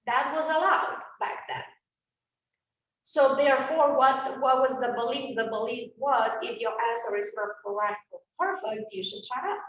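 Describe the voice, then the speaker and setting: Speaking earnestly to an online event audience, this middle-aged coach from Romania, her Romanian accent clear, leans on fillers and repeats words often. Her voice sits high and fairly bright at a normal speed. The sound is roomy and off-mic, with a little hiss or hum.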